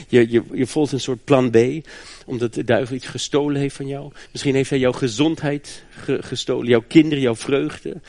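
A man's voice: mid-range voice, darkish tone, no room sound. A man preaching a sermon to his congregation. He speaks emphatically, often doubles words when he restarts a phrase, and chuckles lightly between phrases.

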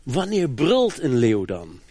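A man's voice: medium pitch, huge pitch swings, slow pace, a little mellow, husky, no echo. A man preaching a sermon to his congregation. He speaks emphatically, often doubles words when he restarts a phrase, and chuckles lightly between phrases.

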